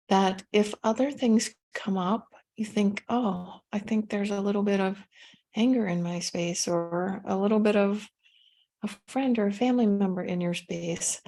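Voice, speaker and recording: A woman guides a meditation in a mid-range voice. Her instructions are gentle and unhurried, with pauses between phrases.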